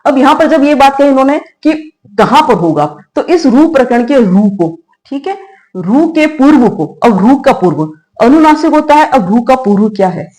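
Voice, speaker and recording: A middle-aged woman teaches a grammar class in a fairly high voice. She moves patiently from point to point, puts questions to her students and answers them herself. Short check-ins punctuate her explanations. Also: very animated, moderate pace, a little mellow, low-quality recording. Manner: explains step by step with rhetorical questions, frequent "theek hai". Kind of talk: classroom lecture.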